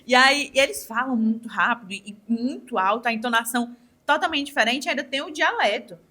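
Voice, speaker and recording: A woman's voice: a little high, brisk, sharp tone. A woman in her twenties with a Brazilian accent from Ceará, chatting as a podcast guest and acting out quoted dialogue with animation. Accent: Ceará Brazilian Portuguese. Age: 20s. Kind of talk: casual interview chat.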